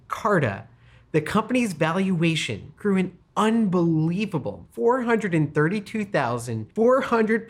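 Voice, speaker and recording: A man co-hosting a scripted investment promotion, speaking in an emphatic, salesy way that stresses big figures. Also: fairly high pitch. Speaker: co-host and investment analyst.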